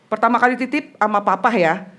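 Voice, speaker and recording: Gentle woman podcast host asking questions. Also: fairly high pitch, brisk. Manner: gentle, probing questions with frequent hesitations. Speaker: podcast host interviewing her child. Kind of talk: casual podcast interview.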